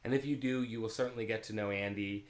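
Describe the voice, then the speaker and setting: Fast-talking and lowish-voiced, with fairly even intonation, this man fills the gaps between songs on his live music stream with easy, rambling chat to viewers. He's in a home room in California, and an open mic three or four feet away lends the recording a roomy echo.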